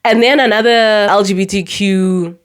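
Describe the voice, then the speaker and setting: A woman's voice: mid-range voice, fairly even intonation, normal speed, smooth. A young woman talking casually about books she has read, chatty and emphatic, with sarcastic asides and words repeated for stress. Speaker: book reviewer. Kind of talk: casual book review vlog.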